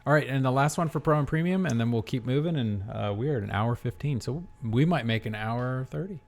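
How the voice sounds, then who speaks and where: A man's voice: medium pitch, animated, fairly quick, creaky. A man hosting a podcast in casual chat, joking and laughing easily. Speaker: podcast host.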